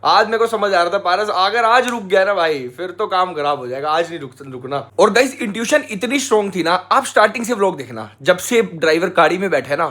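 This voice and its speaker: Animated young man vlogging. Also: high-pitched, brisk, few pauses. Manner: animated storytelling, addresses viewers as guys. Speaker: travel vlogger. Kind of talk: casual travel vlog chat.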